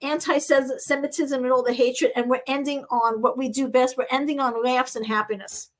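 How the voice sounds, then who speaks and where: High-voiced woman comedian hosting. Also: moderate pace, low-quality recording. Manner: animated, acts out quoted voices. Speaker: host. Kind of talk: casual comedic storytelling.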